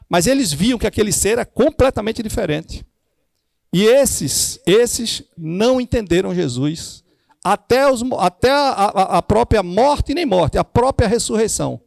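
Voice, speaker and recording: Male church teacher with a Northeastern Brazilian accent, preachy, slightly high and gravelly, dry close mic. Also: lively intonation, a little slow, darkish tone, no echo. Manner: preachy, acts out dialogue. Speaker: discipleship teacher.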